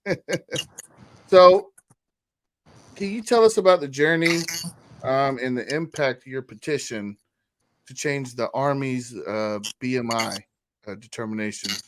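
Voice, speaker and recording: A man hosting a podcast, asking questions in a relaxed, encouraging way. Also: medium pitch, a little hiss or hum, poor audio. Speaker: podcast host. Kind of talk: casual interview.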